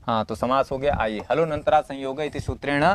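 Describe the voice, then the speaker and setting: A man's voice: mid-range voice, fairly quick. Man, Sanskrit teacher, exam-prep lesson, reads text then explains it, asks and answers his own questions, encouraging. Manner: asks the class questions and answers them himself; homely and encouraging, with everyday comparisons.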